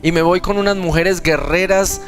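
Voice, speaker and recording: Earnest high-voiced Colombian preacher. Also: male voice, steady tone, moderate pace, a bit bright, faint music behind. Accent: Colombian Spanish. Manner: earnest storytelling, acts out dialogue in other voices. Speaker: seminar preacher. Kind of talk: sermon with personal testimony. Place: seminar hall.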